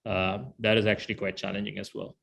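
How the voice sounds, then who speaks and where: A man's voice: lowish voice, level tone, fast, creaky, a bit bright, faint music behind. A man, a startup founder from India, answering interview questions in a thoughtful way with frequent "you know".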